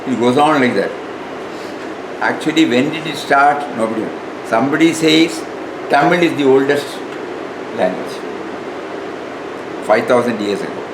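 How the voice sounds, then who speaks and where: A man with a South Indian accent giving an informal spiritual lecture in a halting, repetitive way. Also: mid-range voice, animated. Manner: halting, repeats words, tags questions with "no". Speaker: spiritual teacher. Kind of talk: informal spiritual lecture, partly reading aloud. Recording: echoey room with clear background noise.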